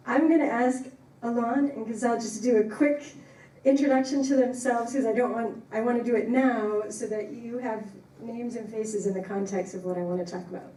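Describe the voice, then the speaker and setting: A woman's voice: a little high, steady tone, brisk, warm tone. A woman giving an informal talk to a congregation as a professor, speaking in an emphatic, appreciative way. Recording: echoey room, distant, faint noise.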